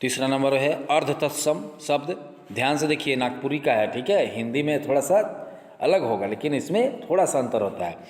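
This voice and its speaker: A male coaching teacher walks through a grammar lesson, repeating each point slowly and again. His voice sits in a mid range. The room rings with a long, echoey reverb. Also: mid-range voice, animated. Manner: repeats each point slowly, keeps saying "look carefully". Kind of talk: grammar lesson explaining slides.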